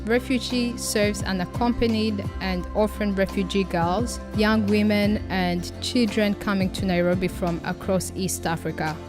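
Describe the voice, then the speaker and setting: Measured female narrator over music. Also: medium pitch, steady tone. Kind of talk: scripted narration.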